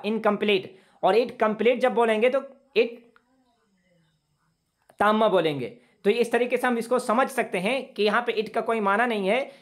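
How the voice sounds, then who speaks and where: A man teaching an English grammar lesson, patiently repeating phrases slowly for his students. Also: sits high. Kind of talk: classroom lesson explaining grammar.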